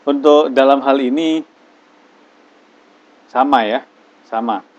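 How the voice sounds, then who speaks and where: A man teaching an English class, explaining slowly and patiently and drawing out example phrases. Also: medium pitch, dull audio. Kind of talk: online class lesson.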